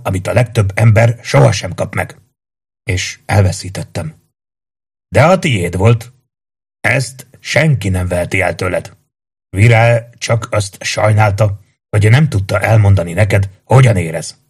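A man playing a gentle, fatherly old warrior. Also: lowish voice, slightly rough. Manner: calm, gentle.

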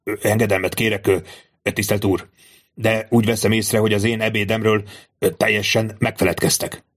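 A man's voice: lowish voice, level tone, natural voice. A man voicing a fussy, ingratiating captive rich man who stammers and hesitates, in an audiobook. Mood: pleading. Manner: hesitant, stammering with filler sounds. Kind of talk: audiobook character voice.

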